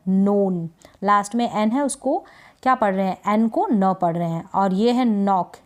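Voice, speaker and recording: A woman teaching English spelling and reading, drilling each word slowly and asking and answering her own questions. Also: mid-range voice, darkish tone. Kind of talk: spelling and pronunciation lesson.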